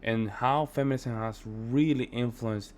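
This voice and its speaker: A man's voice: medium pitch, fairly even intonation, a little slow. A man from Puerto Rico giving casual, emphatic reaction commentary. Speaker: reaction video host.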